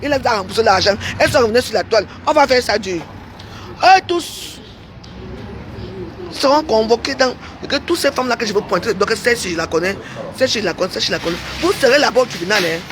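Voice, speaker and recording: High-voiced woman ranting heatedly. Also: animated, racing, background noise. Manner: confrontational, scolding, addresses people directly. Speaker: online commentator. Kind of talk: heated livestream rant.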